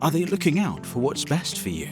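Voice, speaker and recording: A man reading a scripted podcast introduction in a polished, measured way. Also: on the high side, huge pitch swings. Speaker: show announcer. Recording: music bed underneath. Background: music.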